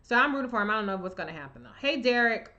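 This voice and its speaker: A woman's voice: a little high, big pitch swings, racing, bright, forceful tone, highs cut off. A woman hosting a live Q&A, reading viewer comments and answering in a blunt, chatty, profane way. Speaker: livestream host.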